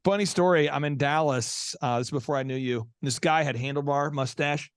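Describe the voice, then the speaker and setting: A man talking in a casual podcast conversation, telling animated stories and acting out the people he quotes. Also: on the high side, brisk, clean tone, dry recording, studio quality. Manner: animated storyteller who acts out quotes. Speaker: guest speaker and event organizer.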